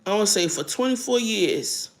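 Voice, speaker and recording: A woman's voice: medium pitch, expressive, moderate pace, low-quality recording. A middle-aged American woman chatting casually and bluntly in a rambling vlog while she eats, her mouth sometimes full. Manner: blunt, earthy. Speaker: vlogger.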